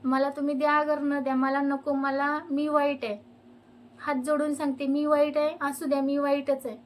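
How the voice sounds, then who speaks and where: Young woman, high voice, fed-up vlog rant. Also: level tone, moderate pace, slight background noise. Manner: fed-up ranting. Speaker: vlogger. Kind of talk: complaining to camera.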